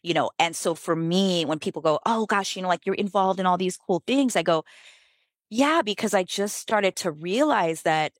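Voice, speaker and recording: A woman's voice: moderate pace, dry recording. A middle-aged American woman, a business author, talking casually in an interview with lots of "like" and sudden emphatic rises. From United States. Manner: animated, filler-heavy, emphatic pitch jumps.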